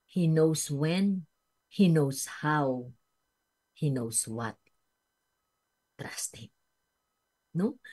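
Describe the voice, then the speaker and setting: A woman preaching a sermon on the radio, swinging from soft, slow stretches to loud, high cries and mixing Tagalog with English. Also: breathy edge. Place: radio studio.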